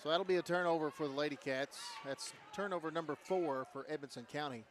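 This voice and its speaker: Color guy breaking down the game, kinda higher voice, lots of uh's, gym noise. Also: quick pace, a faint crowd. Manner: relaxed analytical, frequent fillers. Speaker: color commentator. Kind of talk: basketball color commentary.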